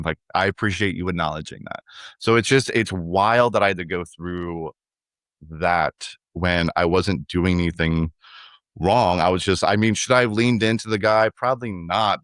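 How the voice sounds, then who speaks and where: A young man co-hosting a podcast, telling a story in a relaxed, chatty way and acting out the other people's lines. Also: low-pitched, no room sound, studio quality. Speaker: podcast co-host. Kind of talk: casual conversational storytelling.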